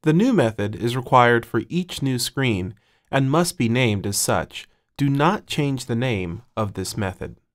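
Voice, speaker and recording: A man narrates a screencast lesson as the instructor. His voice sits at a middle pitch, and he speaks in a measured, step-by-step way, dictating items piece by piece close to the mic. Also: animated. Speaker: tutorial instructor.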